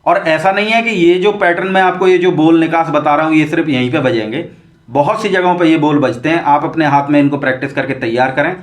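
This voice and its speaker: A man's voice: fairly high pitch, a little fast, reverberant. A man teaching tabla, patiently explaining step by step and addressing viewers as friends. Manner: recites tabla syllables and counts beats aloud. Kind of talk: spoken music lesson. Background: tabla drumming.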